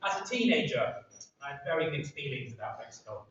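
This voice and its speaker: A man's voice: medium pitch, very animated, a little fast, fairly bright tone. A middle-aged man from England, a poet chatting with his audience at a live reading, joking and self-deprecating. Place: large seaside pavilion hall with audience. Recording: echoey hall, distant, dull and noisy.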